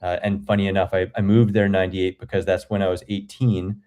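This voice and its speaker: A man's voice: low-pitched, flat delivery, fast talker, mellow. A Canadian man in his forties, a guest chatting enthusiastically on a video call and rambling through his stories. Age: 40s. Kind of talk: casual chat.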